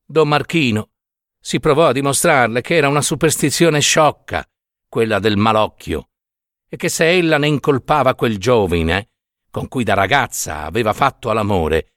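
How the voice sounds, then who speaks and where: A man reading a story aloud with expressive, dramatic phrasing and long pauses. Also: medium pitch, dry recording, clean studio sound. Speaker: narrator.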